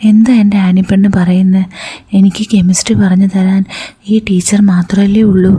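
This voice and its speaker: A woman's voice: medium pitch, little pitch movement, normal speed, warm tone, breathy edge, natural voice. A woman voicing an anxious young male student in a whispered role-play, stammering and pleading. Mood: pleading, nervous.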